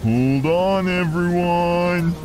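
A man's voice: high-pitched, very slow. A man voicing a friendly, drawling cartoon character in a children's show. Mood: eager. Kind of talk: animated preschool cartoon dialogue. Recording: music bed under the voice.

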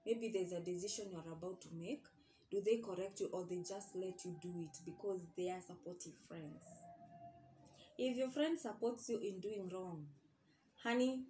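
A woman's voice: medium pitch, mellow, reverberant, a little hiss or hum. A young woman talking straight to her viewers, earnestly asking question after question and repeating her points for emphasis. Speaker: vlogger. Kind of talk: casual advice monologue.

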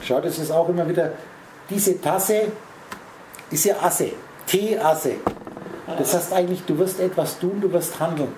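A man's voice: sits high, a little slow, pauses often, echoey room, background noise. A man giving a spiritual lecture, rambling and speaking straight to his listeners with lots of wordplay. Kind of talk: spiritual lecture to a small audience. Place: lecture room.

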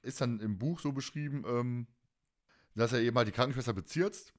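In casual podcast chat, a man recaps an audio drama, rambling along in colloquial speech that often repeats and reworks its phrases. His voice sits at medium pitch and moves a little fast.

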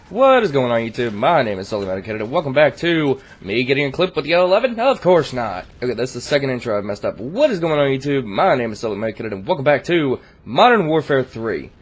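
A man's voice: medium pitch, husky. A man hosting his gaming channel, giving casual, rambling gameplay commentary full of profanity. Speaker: YouTube gaming channel host.

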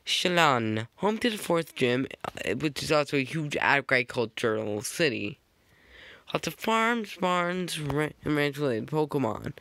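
A man's voice: on the high side, big pitch swings, measured pace, creaky, bright, forceful tone, no echo. A man casually narrating a fan-made slideshow, rambling with jokey asides and frequent self-corrections on a close microphone.

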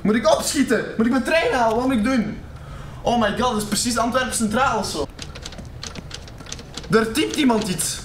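High-voiced Flemish gamer, loud and swearing. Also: male voice, moderate pace, pauses often, echoey room, distant mic, a little hiss or hum. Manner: loud, swearing, jumpy reactions. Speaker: gaming YouTuber. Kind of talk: horror game let's-play commentary. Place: room at home, wearing a VR headset.

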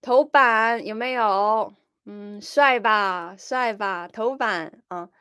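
A woman giving casual political commentary, animated, with frequent fillers and pointed rhetorical questions. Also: mid-range voice, takes it slowly, clean tone, no echo, studio quality.

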